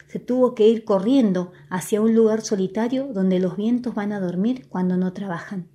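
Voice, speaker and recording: A woman reading a children's story aloud in a lively, expressive way. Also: medium pitch.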